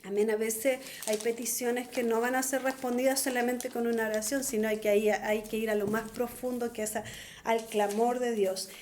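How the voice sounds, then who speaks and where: A woman's voice: on the high side, level tone, normal speed, a little mellow, slight background noise. Earnest middle-aged woman preaching. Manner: earnest, pleading. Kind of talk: testimonial sermon.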